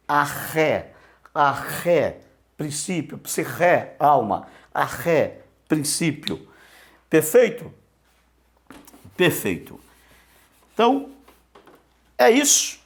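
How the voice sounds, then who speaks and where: A man teaching an online lesson, asking himself questions and answering them, repeating words slowly so they can be drilled. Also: fairly high pitch.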